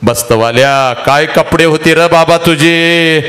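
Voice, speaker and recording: A man's voice: a little high, slow, a bit bright. A man acting a poor village father who hides his grief. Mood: choked, grateful. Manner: forced cheer, pleading.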